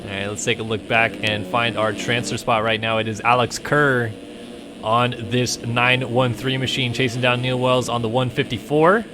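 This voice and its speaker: Excited young male race commentator. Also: mid-range voice, normal speed, background noise. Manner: excitable play-by-play that calms into joking banter. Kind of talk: live esports race commentary.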